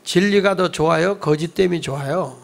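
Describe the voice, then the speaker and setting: A man's voice: a little high, normal speed, gravelly. A male pastor preaching a youth service sermon in a conversational storytelling way, asking the congregation questions.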